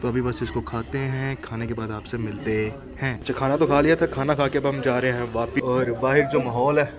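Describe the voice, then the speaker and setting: A travel vlogger walks a busy hill-town street outdoors, chatting casually about shops and food at a slightly fast pace. His pitch is medium and his intonation fairly even. The recording picks up crowd noise from the people passing by.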